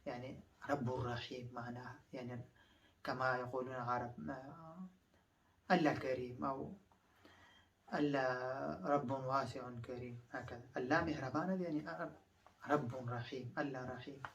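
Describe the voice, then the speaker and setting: A male language teacher with a mid-range voice, set back from the microphone. He repeats each phrase several times, then explains it slowly and stops often on thinking sounds. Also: medium pitch, fairly even intonation, a bit bright, far from the mic. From Afghanistan. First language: Pashto.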